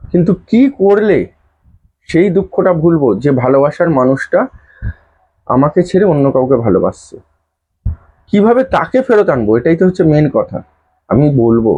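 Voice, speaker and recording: A man talks straight to camera with earnest, instructive intimacy, his voice dark and mellow but pitched a touch high. The recording is slightly dull and lo-fi. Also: breathy edge. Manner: chants mantra slowly. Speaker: astrology and spell advisor. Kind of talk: direct-address advice video.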